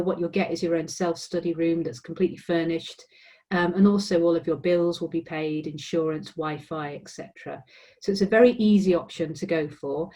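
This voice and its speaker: Speaking with a fairly low, dark-toned voice, this woman from England presents admissions information for a university. Her English-accented delivery is peppered with ums and frequent restarts.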